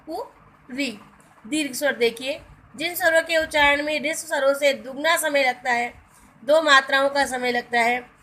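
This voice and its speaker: A woman's voice: high voice, sharp tone, rough recording. A woman teacher giving a grammar lesson, spelling out letters one by one and calling her students "beta". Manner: briefly sings film song lines as examples. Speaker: Hindi teacher.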